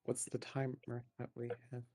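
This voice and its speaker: A man calling mechanics for his group over voice chat during an online game raid, relaxed and quick to laugh. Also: medium pitch. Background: game music.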